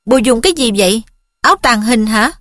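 A woman's voice: a little high, animated, brisk, a bit bright, dry recording, clean studio sound. A woman voicing a jealous, sulky teenage boy in an audiobook reading, speaking in a sarcastic, needling way.

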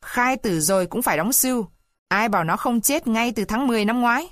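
A woman's voice: on the high side, a little fast, no echo, studio quality, natural voice. A woman voicing a harsh male village chief who snaps and threatens, in a storybook reading. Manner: snapping, threatening.

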